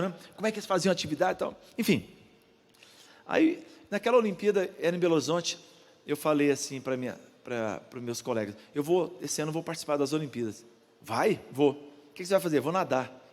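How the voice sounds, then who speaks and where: An older Brazilian pastor with a high voice preaches and tells a personal story, acting out the other people's voices along the way. His accent is Brazilian Portuguese. The sound rings with the long reverb of a church hall. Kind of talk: sermon.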